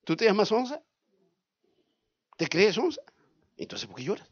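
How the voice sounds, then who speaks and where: Man, pastor, sermon, animated delivery, lo-fi sound. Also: sits high, moderate pace, husky, no room sound. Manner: animated, asks the congregation questions, acts out scenes.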